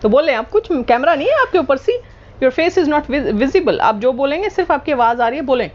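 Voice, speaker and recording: Woman vlogger, chatty and playfully teasing, mixes Hindi and English, voice on the high side, dull low-fi recording. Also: very animated, normal speed, darkish tone. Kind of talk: casual vlog chat to camera. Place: at home indoors.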